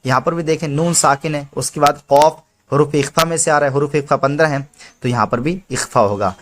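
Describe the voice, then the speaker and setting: A man's voice: fairly high pitch, fairly quick. A man teaching Quran reading step by step, patiently explaining each rule and drawing out the letter names as he recites them.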